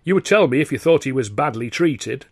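A man reading a story voices a jovial but touchy middle-aged impresario who probes, hemming and hawing before snapping, his pitch leaping around. The blustering delivery is expressive and a little fast, in a slightly husky voice recorded close and dry with no room sound.

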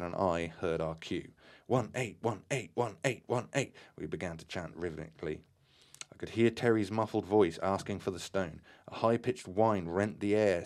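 Deep-voiced man reading a story aloud. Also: darkish tone. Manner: hesitant, with fillers and restarts between passages. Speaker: podcast story reader.

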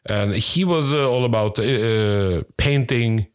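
A man with a Norwegian accent, English not his first language, chatting casually as a podcast co-host and often pausing to search for words. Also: mid-range voice, smooth. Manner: hesitant, searching for English words, many fillers. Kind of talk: casual chat.

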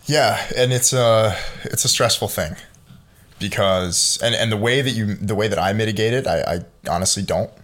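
A man's voice: lowish voice, moderate pace, fairly bright tone. A man in his mid-twenties, a podcast guest chatting casually and rambling through stories with lots of "like". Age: 20s. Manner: rambling storyteller, lots of fillers like "like". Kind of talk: casual chat.

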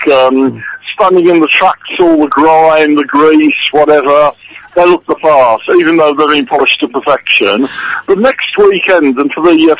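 An older man from England comes through a telephone line, calling in from outdoors. His voice sits a little high and swings widely in pitch. He sounds eager, and he often stops to say um while he thinks. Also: vocal fry, fairly bright tone, no echo. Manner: enthusiastic, with frequent ums. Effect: heard over a telephone line. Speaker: guest author. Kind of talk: casual phone interview. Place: outdoors at a rail yard event.

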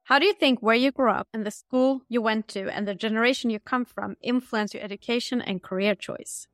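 A woman's voice: on the high side, fairly quick, no echo, studio quality. Upbeat woman host reading questions. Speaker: interview host. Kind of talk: scripted interview questions.

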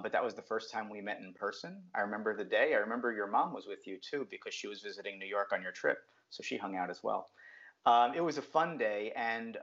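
A middle-aged brand strategist from New Jersey, USA, talks casually and reflectively as an interview guest, using many um fillers. His voice is lowish with a fairly bright tone, and the lo-fi audio sounds dull.

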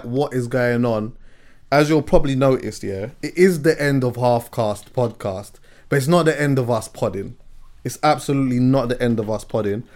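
A man's voice: mid-range voice, a little mellow. A man with a London English accent hosting a podcast in casual, slangy chat, often tagging his phrases with "yeah". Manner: conversational, often punctuates with "yeah" and "you know". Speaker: podcast host.

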